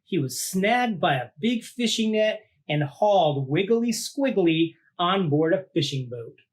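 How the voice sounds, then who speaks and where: With a high-pitched voice and a measured pace, a man who teaches reads a children's picture book aloud, expressive and relaxed, adding casual remarks along the way.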